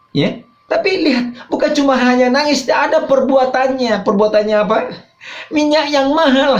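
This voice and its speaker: A male pastor delivers a sermon, his voice leaping up for emphasis and sinking into hushed asides. The sound is roomy, with plenty of echo from the space around him. The recording itself is dull and a little muffled. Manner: emphatic preaching that swings between loud high phrases and low quiet asides.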